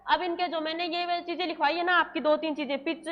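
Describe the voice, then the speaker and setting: High-voiced woman teacher drilling notes. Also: fairly even intonation, muffled recording. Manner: drills students with repeated questions and answers; slows right down to dictate English terms word by word. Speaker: nursing exam coaching teacher. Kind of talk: classroom lecture, dictating notes.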